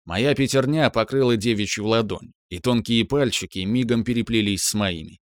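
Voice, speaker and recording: A man with a fairly low voice narrates an audiobook at normal speed, calm and even throughout. The sound is clean studio audio with no room sound.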